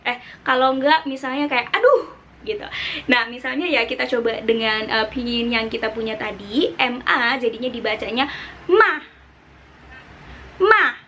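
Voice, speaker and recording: A woman's voice: a little high, fairly even intonation, normal speed, bright, forceful tone, slight background noise. A young woman with an Indonesian accent, giving a casual online Mandarin lesson and drawing out syllables to show the tones. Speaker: Mandarin teacher.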